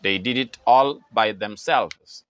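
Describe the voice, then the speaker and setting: Guy giving a slow english lesson, says everything twice, crisp bright tone. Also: lowish voice. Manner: repeats each phrase slowly for learners. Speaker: English teacher. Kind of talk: slow, deliberate grammar lesson.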